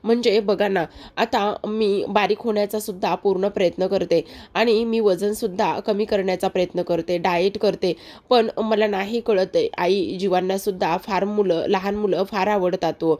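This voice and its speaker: A woman's voice: mid-range voice, fairly even intonation, moderate pace, darkish tone, lightly acted. A woman voicing a tearful young wife who pleads anxiously over her pregnancy, in a retold serial episode. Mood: pleading tearful. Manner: pleading, distressed.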